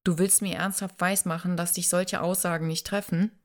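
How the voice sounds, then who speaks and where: A woman voicing a sensitive, troubled man who was once homeless, reading audiobook dialogue in a subdued, lowered voice. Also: little pitch movement, moderate pace, natural voice.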